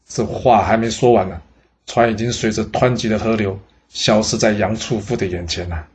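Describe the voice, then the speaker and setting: A male storyteller narrating history in a lively, exclamatory way with many drawn-out particles. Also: fairly low pitch, a little hiss or hum.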